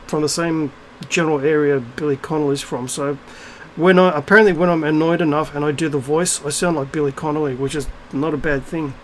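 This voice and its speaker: Middle-aged guy ranting on his vlog, kinda high voice, swears a lot, lots of ums, bit of background hiss. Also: steady tone, fairly quick, hardly any pauses, poor audio. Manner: blunt, profane, rambling with many fillers and restarts. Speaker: video blogger. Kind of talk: unscripted ranting monologue.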